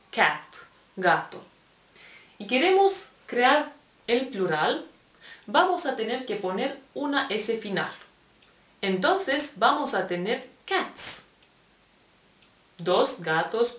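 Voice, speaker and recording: Spanish lady teaching english real slow, sounds far off in an echoey room. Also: a little high, sing-song, fairly bright tone. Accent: Spain Spanish. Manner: patient, spells out letters and repeats examples. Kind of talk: explaining grammar to Spanish-speaking learners. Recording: echoey room, voice set back from the mic.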